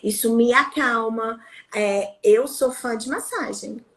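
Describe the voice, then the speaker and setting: A woman's voice: a little high, slow pace. A Brazilian woman occupational therapist in casual conversation, explaining and acting out examples. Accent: Brazilian Portuguese. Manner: demonstrative, acts out examples.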